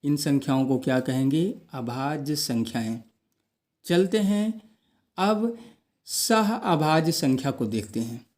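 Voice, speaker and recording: A man's voice: a little high, lively intonation, takes it slowly, darkish tone. A man teaching a math lesson, posing questions to the class and answering them himself.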